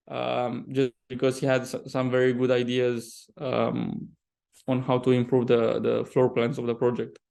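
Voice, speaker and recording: A property developer with a Romanian accent answers a podcast interviewer conversationally in a medium-pitched, creaky, somewhat mellow voice. He frequently stops mid-sentence and repeats words.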